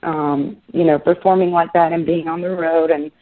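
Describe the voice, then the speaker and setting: A woman's voice: sits low, fairly even intonation, normal speed. A woman from Israel, a musician being interviewed, talking casually and rambling with many restarts and fillers. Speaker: musician guest. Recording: tinny phone line.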